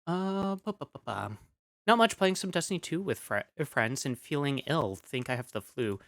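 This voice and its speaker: A man's voice: on the high side, sing-song, moderate pace, a bit bright, dry recording. Man, streamer, rambling chat, lots of ums, lingering cough, dry close mic. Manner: rambling, reads chat aloud, many fillers. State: still coughing after illness.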